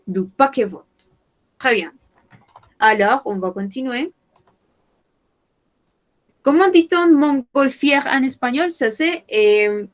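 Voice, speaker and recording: Slow, careful female French teacher. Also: fairly high pitch, rough recording. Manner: slow, careful, repeats words for learners. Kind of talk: online language lesson.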